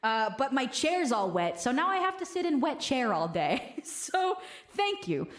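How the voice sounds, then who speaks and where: A woman's voice: high-pitched, sing-song, measured pace, reverberant. Woman streamer through a voice changer filter. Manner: joking, sings goofy song lines. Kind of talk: casual stream chat.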